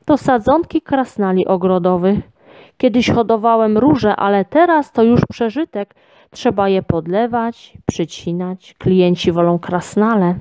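A pushy man in yellow boots pitching his goods in a children's story, read by a woman. He talks slowly and warmly like a salesman. The recording is dry. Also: clean tone, no room sound, close to an everyday voice. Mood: salesy. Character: chuckling salesman gardener, pushy. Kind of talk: storybook reading.

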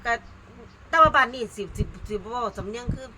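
A woman's voice: fairly high pitch, a little fast. An older woman with an Isan accent, a mor lam singer chatting casually and breaking into song. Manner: animated, breaks into singing and laughter. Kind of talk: casual chat in Isan dialect with sung mor lam passages. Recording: noisy recording.

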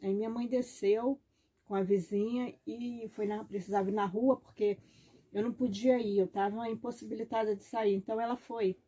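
A woman's voice: a little high, steady tone, normal speed, warm tone, slightly rough. A woman recording a personal testimony in her bedroom at home, retelling events in a rambling, repetitive, emotional way. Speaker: vlogger.

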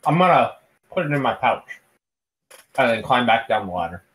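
A man's voice: mid-range voice, very animated, normal speed, a bit bright, poor audio. Wry man playing a tabletop game. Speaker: player. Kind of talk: casual game chat.

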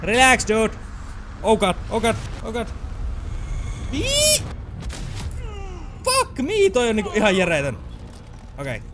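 High, excitable man gaming. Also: long pauses, noisy background. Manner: frustrated, swearing, mixing English exclamations; shouting and yelping high in tense moments. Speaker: gaming video creator. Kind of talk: live gameplay commentary. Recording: game music behind the voice.

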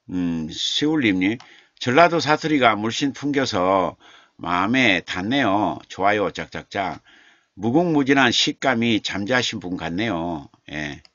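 A man, a literature professor, hosting a live stream and chatting slowly as he reads viewer comments aloud, chuckling and repeating names. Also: on the low side, fairly bright tone, no echo. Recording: dull, dry lo-fi stream audio.

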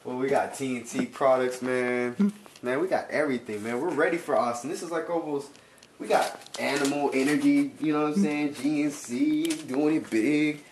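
A man's voice: medium pitch, moderate pace, a little hiss or hum, low-quality recording. A man in his twenties from Texas with a New York accent, chatting casually in hyped street slang as he promotes merchandise in a vlog. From Texas, USA. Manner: hyped street slang, fond of 'man' and 'you know'. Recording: loud music over handheld camera sound.

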